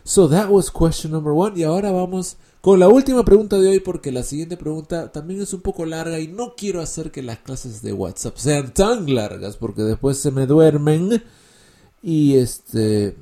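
A man's voice: on the high side, lively intonation, normal speed, warm tone. A man giving an English lesson in Spanish, explaining patiently and repeating key words and examples. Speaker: English teacher.

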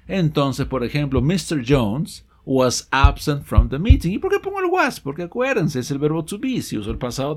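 A man teaches an audio lesson with a lively voice whose pitch swings up and down. He explains each phrase patiently, reads the example sentences slowly, and stops often to check in with his listeners and fix his own slips. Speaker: English teacher.

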